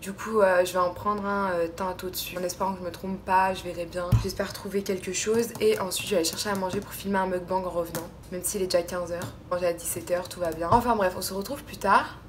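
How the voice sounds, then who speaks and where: A woman's voice: lowish voice, fairly even intonation, quick pace, few pauses. A young woman chatting casually as a vlogger, in slangy youth street speech with English asides. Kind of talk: casual vlog chat. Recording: car and ambient noise.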